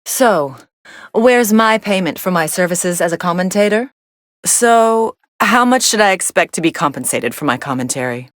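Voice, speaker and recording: Video game fight commentator: aloof young female android, lowish voice, sardonic deadpan delivery, very dry studio sound. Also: moderate pace, no echo. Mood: dryly smug.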